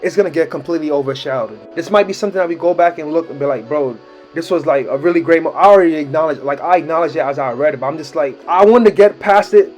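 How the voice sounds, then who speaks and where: An excited man talks through a manga chapter in loose slang, filling his sentences with fillers. His voice sits a little high. Faint music plays under him. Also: fast talker. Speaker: anime reaction creator. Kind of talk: casual manga chapter breakdown.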